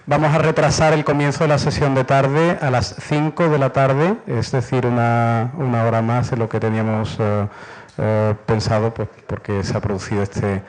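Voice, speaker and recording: Hesitant male organiser, mid-pitched. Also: little pitch movement, moderate pace, low-quality recording. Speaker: conference organiser. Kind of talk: practical spoken announcement.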